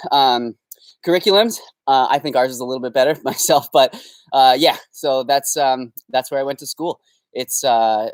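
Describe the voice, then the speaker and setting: A young Canadian man with a slightly high voice hosts a casual live Q&A outdoors in his backyard, with no room sound. He's upbeat and rambling, using plenty of fillers.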